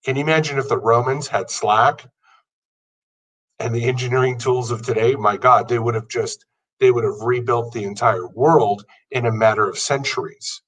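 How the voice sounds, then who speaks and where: A podcast host in his fifties gives an earnest motivational monologue, building his points through long lists. His mid-range voice is a bit bright and moves at a normal speed, picked up by a distant mic in a rough recording.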